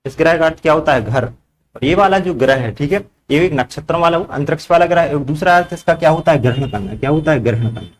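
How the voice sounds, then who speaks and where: A man teaching a grammar class, his voice sitting a little high for a man. He keeps firing questions at the room and echoes the answers back to the students. He talks in the steady rhythm of a classroom lesson. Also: fast talker. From India.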